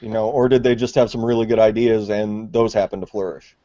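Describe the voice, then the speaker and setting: A man's voice: on the low side, steady tone, a little fast, warm tone. A man in casual chat, speaking in a laid-back, blunt and crude way. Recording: dull, lo-fi voice chat.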